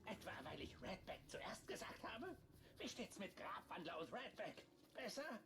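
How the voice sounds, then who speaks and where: A man voicing a self-important orc ally in a fantasy video game, creaky and theatrical. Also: sits high, sing-song, normal speed, noisy background. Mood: chatty, urgent.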